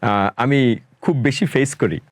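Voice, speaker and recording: A Bangladeshi spoken English educator answers interview questions emphatically, dropping English phrases into his speech. His voice is medium-pitched and measured, with clean studio sound and no room sound.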